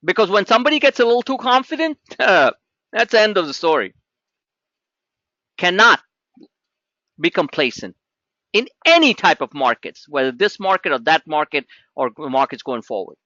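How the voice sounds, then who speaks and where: A middle-aged man with a high, bright, pointed voice hosts a trading webinar. He talks in a pushy, animated sales patter while going over charts. The sound is dry and a little dull, recorded on a close mic. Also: moderate pace, long pauses, no echo. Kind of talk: live trading webinar talk.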